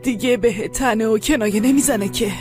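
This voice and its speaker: Dubbed drama: actress as an elderly, gently concerned mother, soft probing questions. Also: on the high side, over music, close to an everyday voice.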